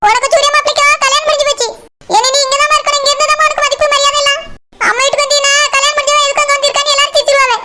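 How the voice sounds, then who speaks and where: A shrill fretful village mother. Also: flat delivery, rapid-fire. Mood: fretting. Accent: Kanyakumari Tamil. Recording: loud background noise.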